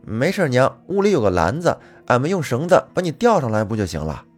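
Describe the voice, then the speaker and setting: A man telling a folk story, voicing a sly younger village girl in a raised girlish pitch. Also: sing-song, fast talker, soft background music.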